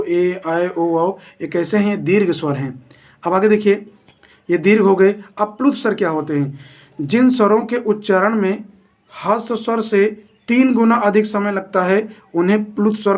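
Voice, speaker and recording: A man teaching a grammar lesson, who poses questions to his students and answers them himself, repeating each definition slowly. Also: high voice.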